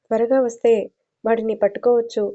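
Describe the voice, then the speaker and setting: Woman reading as a deferential male informer, eager, flat pitch, dark dull sound. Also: a little fast, lightly acted.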